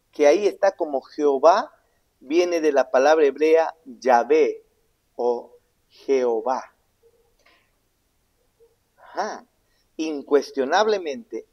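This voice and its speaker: A man preaching a sermon, asking the congregation questions and answering them himself, swinging between loud emphatic lines and low hushed asides. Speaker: pastor. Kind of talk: sermon Bible teaching.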